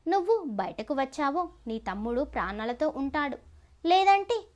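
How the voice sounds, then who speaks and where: Woman doing a menacing male villain, taunting, threatening, high voice, lively pitch. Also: moderate pace, dull audio. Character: menacing young male villain, cruel and gloating. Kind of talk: storybook narration.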